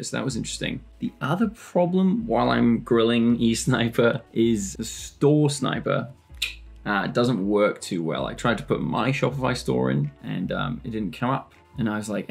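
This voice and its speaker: Male presenter for a walkthrough, husky and gravelly, loose and jokey, pokes fun at himself. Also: medium pitch. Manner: chatty, self-deprecating and joking. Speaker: tutorial presenter. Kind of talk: casual screen-share walkthrough.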